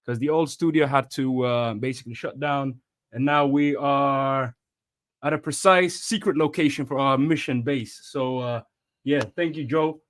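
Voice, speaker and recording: A man's voice: mid-range voice, fairly even intonation, normal speed, fairly bright tone. A man from Eritrea hosting a casual interview, easygoing and chatty with a hype-man touch. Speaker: host.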